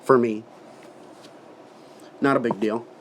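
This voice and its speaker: A man talks casually to the camera in a folksy, colloquial way, his lip full of dip. His voice sits at a middle pitch, and there is clear background noise in the recording. It is an informal review, loose and plain-spoken. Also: fairly even intonation, slow. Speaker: tobacco product reviewer. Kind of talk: casual product review vlog, talking to camera.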